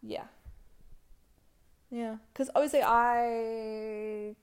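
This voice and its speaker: A woman's voice: on the high side, steady tone, very slow, clean tone. A young woman co-hosting a podcast in casual chat, reflective and asking probing questions. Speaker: podcast co-host.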